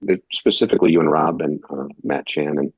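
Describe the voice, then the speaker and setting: Very deep, husky pastor from Detroit. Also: male voice, fairly quick, no room sound. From United States (Detroit, Michigan). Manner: conversational, rambling, acts out quoted dialogue. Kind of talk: casual interview storytelling.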